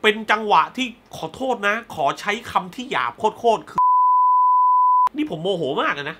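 A male movie reviewer with a high, bright, forward voice recaps a film loosely and full of spoilers, sounding expressive over slight background noise. Blunt and fired up, he swears freely and then apologizes. He breaks into quick acted-out dialogue lines as he goes through scenes.

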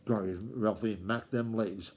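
A man reading a storybook aloud, voicing an excitable old farmer grandfather who talks in a rustic old-time country dialect and snaps and scolds. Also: fairly low pitch, a little slow, husky. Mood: hushed. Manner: snappish, scolding.

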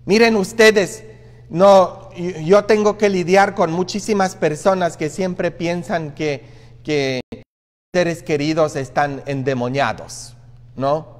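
A man, a priest, preaching a sermon in a conversational way, often tossing in quick asides to the congregation. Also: fairly high pitch, fairly even intonation, big-room sound. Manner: conversational preaching with frequent "¿ah?" asides and acted quotes. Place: church.

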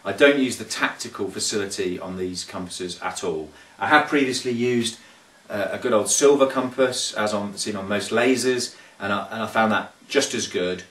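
A deep-voiced sailing coach explains things casually to camera at a normal speed, his tone fairly bright. He's thoughtful yet halting, with many fillers and restarts. Recorded in a small carpeted room on a camera mic a few feet off, the sound is roomy and distant.

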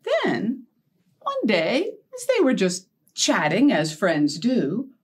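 A middle-aged American woman runs a children's storytime indoors, in front of a backdrop and felt board, teaching and telling stories in simple, encouraging language. Her mid-range voice is slightly rough and unhurried, and she stays animated, asking the young listeners questions.

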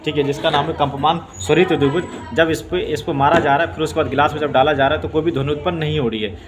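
A man teaching a science demonstration lesson, explaining step by step and filling pauses with "okay" and "friends". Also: fairly high pitch, fairly even intonation, noisy background. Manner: repeats "theek hai" and "doston" often.

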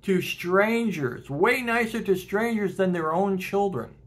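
This self-help host, a middle-aged man, speaks directly to camera from his plant-filled home room by a porch window, earnest yet relaxed, with quick laughs between points. His high voice is animated and unhurried.

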